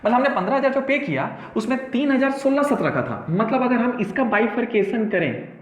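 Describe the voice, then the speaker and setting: Lively accounts teacher, echoey classroom. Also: male voice, very high-pitched, fairly quick. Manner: animated, playful, repeats key terms and answers his own questions. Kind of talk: classroom lecture with call-and-response. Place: classroom with whiteboard. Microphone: camera in the room.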